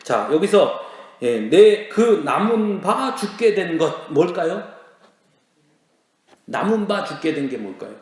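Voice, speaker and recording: A male pastor preaching a sermon, asking his congregation questions and dropping in quick asides. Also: a little high, very animated, darkish tone. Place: church sanctuary. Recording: very echoey church hall.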